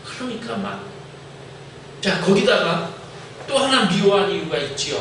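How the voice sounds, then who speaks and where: A male pastor preaching a sermon in a lively storytelling way, recorded in a church. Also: high-pitched, unhurried, vocal fry, a little hiss or hum. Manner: colloquial, animated storytelling. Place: church sanctuary. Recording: echoey church hall from far off.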